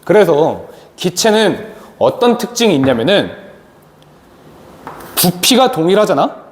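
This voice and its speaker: A man's voice: sits high, a little mellow. A man teaching a chemistry lecture, asking questions and answering them himself. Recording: long reverb, faint noise.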